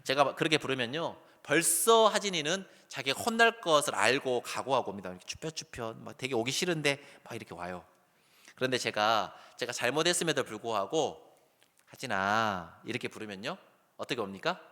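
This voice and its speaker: A middle-aged male pastor preaching a sermon, lively and animated, sometimes loud and sometimes dropping soft. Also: medium pitch, fairly quick. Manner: animated preaching, acts out calls in a raised voice, then drops soft. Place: church sanctuary. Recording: long hall reverb.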